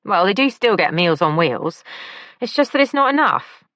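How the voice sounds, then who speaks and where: A woman's voice: mid-range voice, big pitch swings, normal speed, fairly bright tone, dry recording, pitched above the performer's own voice. A woman voicing a careful young female pastry chef with dry humour in an audiobook.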